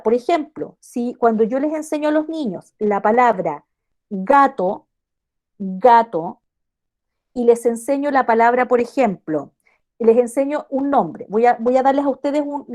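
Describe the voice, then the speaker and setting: A woman's voice: high-pitched, a little fast, mellow. A woman giving a class lecture, explaining patiently and often checking in with tag questions. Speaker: university lecturer teaching early literacy.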